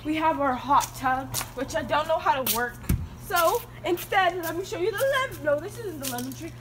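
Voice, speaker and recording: This young woman's voice sits high and sounds animated at a normal speed as she vlogs a teasing, mock-boastful tour of a house and backyard, giggling along the way. It's filmed on a handheld phone, giving roomy audio with background noise.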